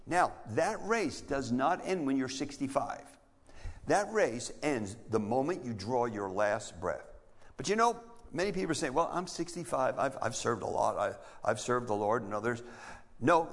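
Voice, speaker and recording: An older man preaching a sermon as pastor, animated and emphatic, repeating key phrases for effect. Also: fairly high pitch. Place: church sanctuary. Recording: long hall reverb.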